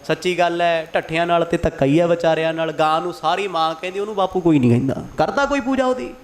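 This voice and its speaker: A man delivers a storytelling sermon. He switches voices as he acts out both sides of a quarrel. His voice sits rather high. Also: quick pace, a little hiss or hum. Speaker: katha preacher.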